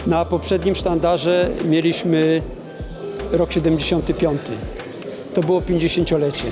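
Male interviewee, informal remarks, higher pitch, music underneath. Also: little pitch movement, unhurried.

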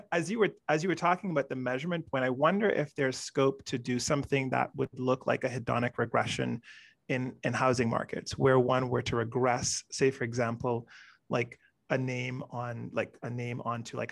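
A man in his thirties from the Bahamas talks through research ideas on a video call panel. His voice has a gravelly fry, and it sits close and dry on a studio microphone. He moves quickly and thoughtfully from point to point. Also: medium pitch, no room sound. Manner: thoughtful, quick, animated when telling a story. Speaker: panelist, economist. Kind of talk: academic panel discussion. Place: home office on a video call. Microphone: large condenser mic on a stand.

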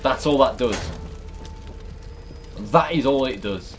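Over clear game ambience and background noise, a British let's player in his thirties or so swears his way through a horror game with casual, exasperated commentary. He speaks slowly in an expressive, mid-range voice.

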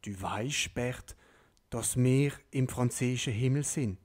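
A man doing a hushed, secretive Alsatian woman. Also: slow pace, lightly acted. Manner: hushed, low-voiced.

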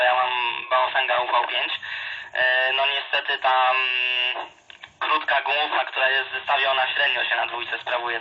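Heard over a two-way radio, a man chats casually and a bit hesitantly during a ham radio contact. His medium-pitched voice is bright and forceful, though dulled because a phone recorded the handheld radio's speaker.

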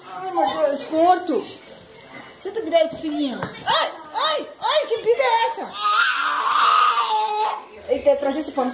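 A woman's voice: extremely high pitch, echoey room, very noisy. A woman from Pernambuco with the local accent, a mother chatting playfully with her babies and her vlog viewers in coaxing baby talk. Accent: Pernambuco Brazilian Portuguese. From Pernambuco, Brazil. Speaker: mother and family vlogger. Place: family home indoors.

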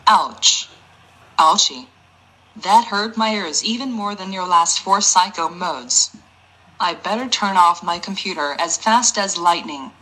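A woman's voice: fairly low pitch, measured pace, bright, forceful tone, low-quality recording. A synthetic woman voicing a mocking, defiant computer user. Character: defiant female computer user taunting the error.

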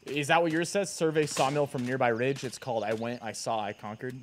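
A man's voice: medium pitch, fairly even intonation, fairly quick, slight background noise. A man talking casually with friends as a teammate while they play a game. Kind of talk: casual gaming chat.

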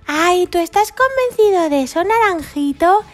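A woman's voice: very high voice, expressive, normal speed, voice pushed up. A woman voicing a timid, cautious male toy dinosaur in a children's story, speaking in a worried, pleading way.

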